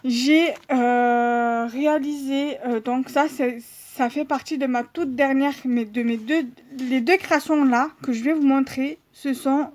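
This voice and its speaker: Female crafting vlogger, unhurried and full of fillers, slightly high pitch, dry recording. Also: fairly even intonation, a little mellow, no echo. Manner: hesitant, many fillers, slow and chatty. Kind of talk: casual show-and-tell of handmade cards.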